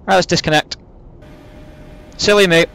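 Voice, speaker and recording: A man's voice: sits high, steady tone, normal speed, gravelly, fairly bright tone, clean tone. A man giving casual, rambling, self-deprecating gameplay commentary as a flight sim host, saying w for r. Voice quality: can't pronounce R's properly, says w for r.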